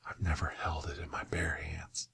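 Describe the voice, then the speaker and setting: A man in a whispered role-play, voicing a sly, menacing interrogator who is a time-travelling doctor, questioning and bargaining deliberately. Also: very deep voice, level tone, vocal fry, bright, forceful tone, a little hiss or hum, heavily acted. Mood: tormented, entranced.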